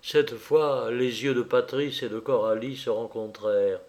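A man narrating a classic novel aloud in an even, literary storytelling manner. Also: mid-range voice, unhurried. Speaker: audiobook narrator. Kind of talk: scripted narration.

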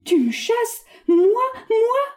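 A woman's voice: sits high, big pitch swings, moderate pace, dark tone, pitched above the performer's own voice. A woman reading a stage play aloud, voicing a passionate, stubborn young woman who speaks with resolute, theatrical indignation.

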